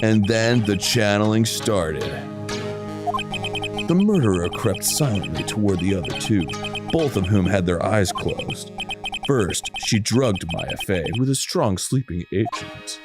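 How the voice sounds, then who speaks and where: A man playing a game, reading its dialogue in a low deadpan voice and joking crudely. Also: a little slow. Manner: deadpan, lowered voice when reading lines, crude jokes. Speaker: let's play host. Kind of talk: comedic game commentary and reading. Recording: video game music behind.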